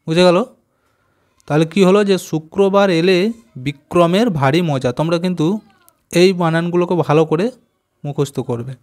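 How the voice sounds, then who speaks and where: A man gives a textbook lesson for young children, his voice sitting a little high. He spells out letters patiently and keeps checking that the class follows. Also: darkish tone. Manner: slow, spelling out letters and asking "got it?". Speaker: primary school teacher. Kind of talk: textbook lesson explaining Bengali conjunct letters.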